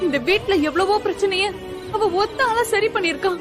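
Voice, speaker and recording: Brief: high-voiced anxious young wife pleading, loud serial music under. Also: female voice, normal speed. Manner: anxious, pleading, near tears. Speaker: Kavya, elder sister-in-law. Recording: TV drama with loud background music.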